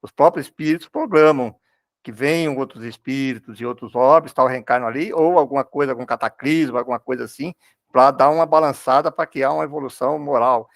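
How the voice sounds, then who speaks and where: A man with a Brazilian accent talking in a religious study group, halting and repeating words as he thinks. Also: mid-range voice, creaky, no echo, studio quality. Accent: Brazilian Portuguese.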